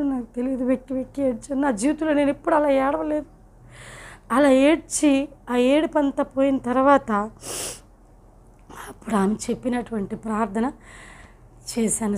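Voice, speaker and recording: A woman's voice: sits high, a little mellow. A middle-aged woman from India telling her personal testimony in an earnest, emotional way. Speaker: testimony speaker.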